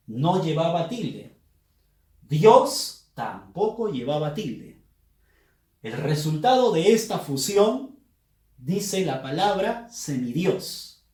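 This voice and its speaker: A man giving a Spanish spelling lesson, speaking slowly and with emphasis, like a teacher addressing his students. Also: on the high side, a little mellow. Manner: slow, emphatic teaching delivery. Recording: echoey room.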